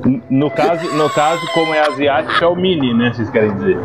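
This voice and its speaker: A man's voice: fairly high pitch, expressive, quick pace, heavy background noise. A man with a Brazilian accent making dry jokes as a co-host in casual film commentary. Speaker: podcast co-host.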